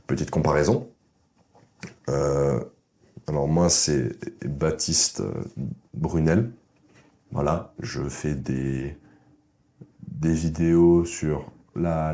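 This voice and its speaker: A blunt, informal man talks straight to the viewer in a coaching vlog, often checking in with a quick "ok?". His voice sits very low and mellow. The room around him is noticeably echoey. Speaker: masculinity and dating coach. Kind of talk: direct-to-camera coaching vlog. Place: indoor room.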